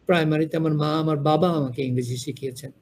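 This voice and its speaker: Older male lecturer, husky, talks frankly and wanders into stories. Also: fairly high pitch, steady tone, quick pace, a little mellow. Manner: frank, digressive storytelling. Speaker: university lecturer. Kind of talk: classroom lecture.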